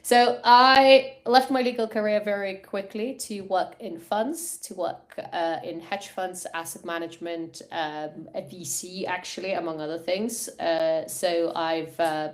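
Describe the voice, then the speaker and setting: A woman from Denmark, a podcast guest, telling her story in a lively, animated way. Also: fairly low pitch, measured pace, few pauses. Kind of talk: casual interview.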